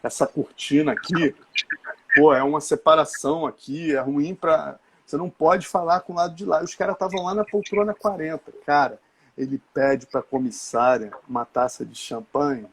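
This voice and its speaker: A man, a guest journalist, tells a lively anecdote with a fairly high-pitched voice and acts out shouted quotes along the way. The live stream audio carries a clear layer of noise behind him. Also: normal speed. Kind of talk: animated storytelling in a live chat.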